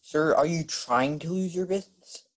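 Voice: medium pitch, normal speed. A player in a tabletop role-playing game chatting casually in a joking, wisecracking way. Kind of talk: casual chat.

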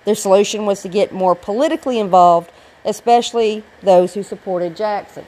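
A warm-toned woman with a mid-range voice, gravelly as she recovers from a cold, gives an informal recorded history lecture at a moderate pace. She teaches with explanatory asides.

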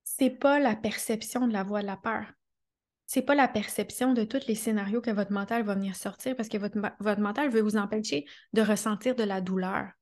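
Hosting and coaching on her motivational podcast, a Québécois French-accented woman talks with earnest emphasis, repeats phrases, checks in with her audience and laughs often. She speaks at a normal speed, with medium pitch, a steady tone and a slightly mellow quality.

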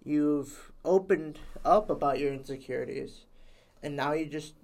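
Male co-host, a bit higher voice, easygoing agreeable talk. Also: measured pace, creaky, a little mellow. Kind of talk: casual chat.

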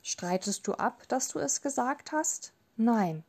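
A woman's voice: a little high, animated, takes it slowly, a little mellow, breathy edge, full character voice. A woman reading the lines of an angry, distraught young father in an audiobook, in a bitter, accusing tone.

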